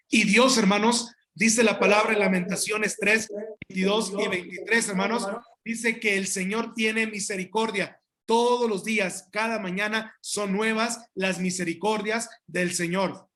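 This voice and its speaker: A pastor preaches a sermon emphatically, speaking straight to the congregation, with halting restarts and asides. His voice sits high and is bright and forceful.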